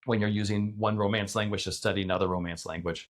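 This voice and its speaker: This middle-aged man, a guest on a casual podcast, talks fast in a low, steady voice. He thinks aloud and rambles thoughtfully, restarting often and filling gaps with "like" and other fillers.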